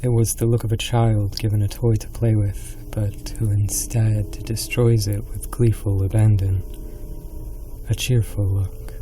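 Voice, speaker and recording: A man's voice: fairly low pitch, flat delivery, measured pace, background noise. A man reading a scripted horror story as a dramatic narrator.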